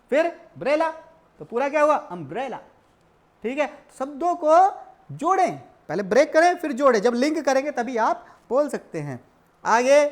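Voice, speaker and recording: Man teaching with rhetorical questions. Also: extremely high pitch. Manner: lively, asks and answers his own questions; keeps addressing students as brother and kids. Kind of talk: exam-prep lecture.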